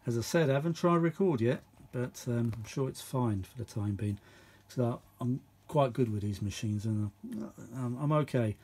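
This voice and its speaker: A middle-aged man hosts a vintage audio video in a casual, unscripted, hands-on chat. His mid-range voice is darkish with a breathy edge, and he talks at normal speed with few pauses. He rambles, thinks out loud, and frequently repeats himself.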